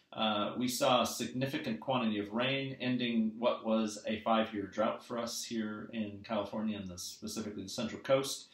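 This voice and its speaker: A man in his fifties, a winery owner and winemaker, presenting a wine to camera in a measured way, with frequent "uh" fillers, recorded on a webcam in a small room at home. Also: medium pitch, creaky, a bit bright. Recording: echoey room.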